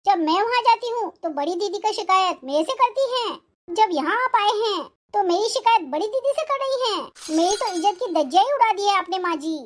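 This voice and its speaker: A performer voicing a sharp-tongued young daughter-in-law. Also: extremely high pitch. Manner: angry, sarcastic, rapid complaining.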